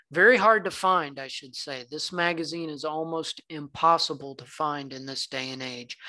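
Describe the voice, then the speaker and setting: A man's voice: on the high side, pushed and bright. A man from the American South giving a conversational literature lecture, with some fillers, reading passages aloud. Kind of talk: recorded lecture.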